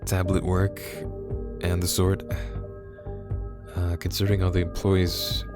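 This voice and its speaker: A man's voice: low voice, completely flat delivery, measured pace. A male streamer chatting casually while playing a game, rambling and poking fun at himself. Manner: rambling, self-mocking, laughs often. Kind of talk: casual gameplay commentary. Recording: music playing behind.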